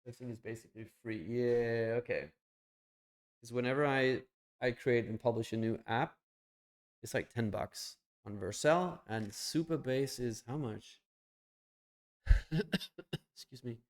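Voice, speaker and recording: On a live stream, a young man chats casually in a blunt, slightly profane way, thinking aloud while clicking around. His voice is an ordinary mid-range one, medium in pitch, and he takes his time, pausing often.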